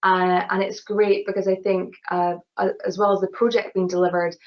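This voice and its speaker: Answering webinar questions, an award-winning engineer from Glasgow, Scotland speaks earnestly with a Glasgow accent, often saying "you know" and restarting. She has a medium-pitched voice, flat delivery, and normal pace, captured in dull, lo-fi audio.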